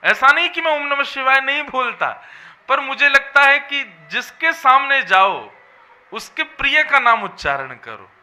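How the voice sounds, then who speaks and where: A man's voice: very high voice, very animated, measured pace, bright, forceful tone. A man giving a devotional sermon as a religious storyteller, preaching in an emphatic, melodic way. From Vrindavan region.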